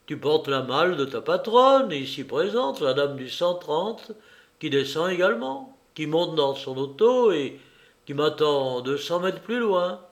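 A man reading an audiobook, voicing a cool, commanding gentleman burglar who gives brisk, ironic orders, a little higher and louder than his narration. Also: very animated. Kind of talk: audiobook character voice.

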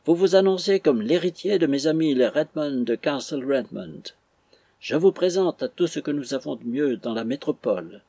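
A bullying, indignant captain hurls accusations, as a man puts him on in a raised, husky voice. The reading is dry and close, a storybook told aloud. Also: a little high, animated, moderate pace, dark tone, dry recording. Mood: sneering. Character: blustering Dublin captain, indignant swindler.

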